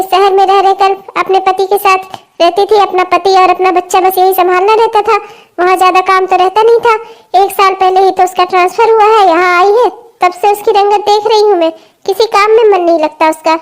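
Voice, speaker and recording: Woman playing a cartoon mother-in-law, older, bossy, sarcastic, nagging, very high squeaky voice. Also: steady tone, normal speed. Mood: grumbling. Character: bossy older female mother-in-law, scolding and sharp-tongued. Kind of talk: comedy cartoon voice acting.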